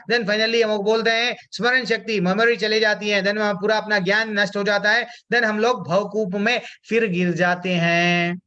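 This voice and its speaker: A man's voice: high voice, pushed and bright, muffled recording. A man teaching a devotional scripture class. He asks his listeners questions and answers them himself, chants Sanskrit verses and explains them, and mixes English words into his Hindi. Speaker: Gita study class teacher.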